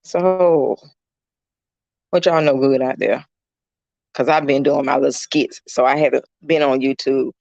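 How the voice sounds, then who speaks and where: A chatty middle-aged man with a drawl, talking casually into his phone during a livestream. His voice sits a bit high for a man, and the sound is dry and a little muffled. He rambles warmly from one thought to the next. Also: creaky, no echo. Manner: chatty and rambling, fills talk with "you know" and greets viewers by name. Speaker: caregiver streaming live. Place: indoors at a client's home.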